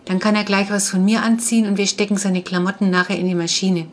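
A woman reading the part of a friendly brother who eagerly explains things and gets excited. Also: mid-range voice, fast, lightly acted. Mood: eager explaining.

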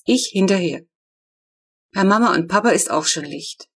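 Husky woman narrating a children's book. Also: medium pitch, moderate pace. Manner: lively storytelling, voicing the characters. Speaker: author reading her own book.

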